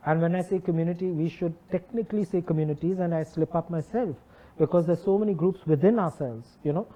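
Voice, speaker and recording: A woman with a posh, educated Indian accent talking haltingly in a panel discussion, rephrasing as she goes. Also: lowish voice, warm tone. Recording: slightly dull, muffled sound.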